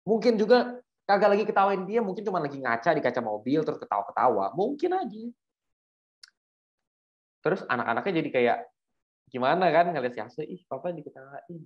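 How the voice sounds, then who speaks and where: Youth pastor, young man, lively joking sermon delivery, slightly muffled sound. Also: fairly high pitch, fairly quick, long pauses. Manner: animated, joking, slangy. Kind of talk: casual sermon storytelling.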